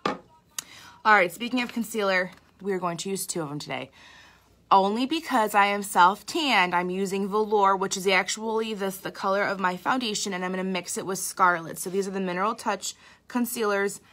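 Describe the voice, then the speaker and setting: A young woman talks through a makeup routine in a loose, candid way, full of "like" and "um." Her tone is bright and clear, but she sounds a little sleepy and tired. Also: mid-range voice, moderate pace. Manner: chatty, candid, self-deprecating, lots of fillers. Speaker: makeup artist. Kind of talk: casual live makeup tutorial.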